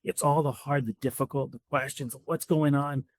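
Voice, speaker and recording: A man's voice: medium pitch, fairly even intonation, normal speed, no room sound. A man who is a podcast guest, explaining ideas earnestly through stories in a conversational interview, close to the mic. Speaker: guest speaker, debriefer of fieldworkers.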